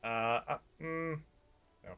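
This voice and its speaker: A man's voice: on the high side, slow, creaky, fairly bright tone, a little hiss or hum. Man mumbling through a game. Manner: muttering to himself, reading game text aloud. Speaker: gameplay streamer. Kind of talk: casual gameplay commentary.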